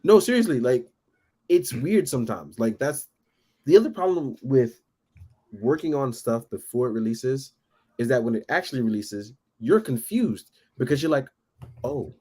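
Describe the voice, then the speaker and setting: Husky, animated man chatting. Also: medium pitch, normal speed. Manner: animated, rambling, laughs often. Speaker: guest toy photographer. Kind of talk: casual podcast chat.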